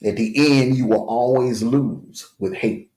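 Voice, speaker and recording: A man's voice: mid-range voice, steady tone, measured pace, dark tone. A man hosting a livestream, giving a taunting, jeering commentary rant with scornful laughs. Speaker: livestream host. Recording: echoey room.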